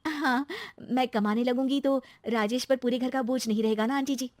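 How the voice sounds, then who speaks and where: A woman voicing an excitable, chatty young married daughter-in-law who is easily aggrieved, in a storybook style. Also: high voice, normal speed, dry recording, clean studio sound, pitched above the performer's own voice, close to an everyday voice. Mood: excited.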